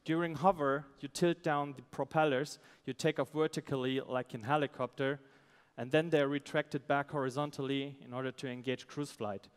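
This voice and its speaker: A man, a startup founder giving a halting, pitch on a conference stage. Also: fairly even intonation, smooth. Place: stage in a large event hall. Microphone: headset. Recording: amplified voice in large reverberant hall.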